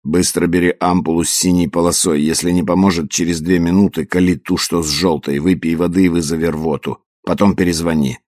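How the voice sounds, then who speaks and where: A man voicing a calm male contact on an emergency line in an audiobook, giving brisk instructions. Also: deep voice, no echo, clean studio sound, natural voice.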